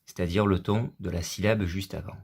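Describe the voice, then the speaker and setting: A man's voice: deep voice, steady tone, moderate pace, gravelly, slightly rough. A man teaching a pronunciation lesson, drawing out the tones of example words with care. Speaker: Chinese language teacher.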